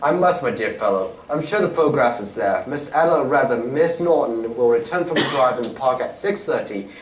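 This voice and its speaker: A man playing Sherlock Holmes as a shrewd, commanding Victorian gentleman detective, speaking precisely and theatrically in a radio-style stage play. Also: mid-range voice, lively intonation, a little fast, lightly acted. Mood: assured, scheming. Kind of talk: old-time radio drama acting on stage. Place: community playhouse stage. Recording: roomy, distant stage recording, faint noise.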